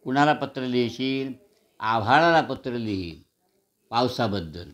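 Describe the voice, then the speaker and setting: A man reading aloud, voicing a kindly older grandfather who gently encourages a child. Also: medium pitch, unhurried, dull audio, close to an everyday voice. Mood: encouraging.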